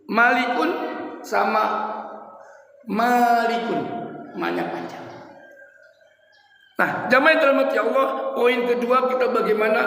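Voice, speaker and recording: Male preacher, high gravelly voice, echoey hall with long reverb, talks to the congregation like a chat. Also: a bit bright. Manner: conversational, addresses congregation directly, repeats key words. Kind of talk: dawn religious study sermon.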